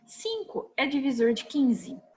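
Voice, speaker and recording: A woman's voice: high-pitched, very animated, takes it slowly, a little mellow. A Brazilian woman teaching a recorded online class to young children, patient and coaxing, checking in often with short questions. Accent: Brazilian Portuguese. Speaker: primary school teacher.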